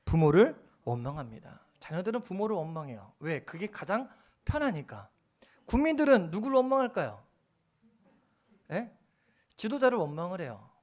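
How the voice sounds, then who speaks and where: A male pastor preaching a sermon, acting out the lines of the people in his stories and swinging from soft asides to loud emphasis. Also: high voice, very animated, normal speed, long pauses. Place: church.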